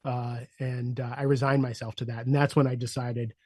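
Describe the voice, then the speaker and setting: A man in his sixties, a podcast guest, telling his personal story candidly and reflectively, with frequent "uh" fillers and a voice that sinks softer at heavy moments. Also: mid-range voice, little pitch movement, normal speed, slightly rough, dry recording, clean studio sound. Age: 60s.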